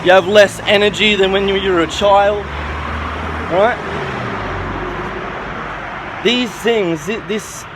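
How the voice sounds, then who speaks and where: Speaking slowly in a high, steady voice with frequent pauses, this self-styled health and philosophy teacher, 29 and nearly thirty, shares his opinions informally over a noisy background. He's confident and forceful, says things more than once, and checks for agreement with "okay" and "right."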